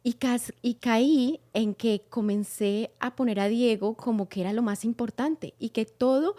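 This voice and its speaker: Lady telling her story, kinda mellow voice, dry sound, acts out what she said back then. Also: fairly high pitch, unhurried, no echo. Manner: lively storytelling, acts out her own past words. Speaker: guest. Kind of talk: personal testimony.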